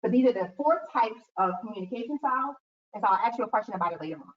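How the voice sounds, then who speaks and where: A woman's voice: on the high side, rapid-fire, slight background noise. A woman giving a talk to students, telling stories and acting out quotes as she goes. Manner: animated storytelling with acted-out quotes. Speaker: guest speaker. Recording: echoey room, distant mic, dull sound.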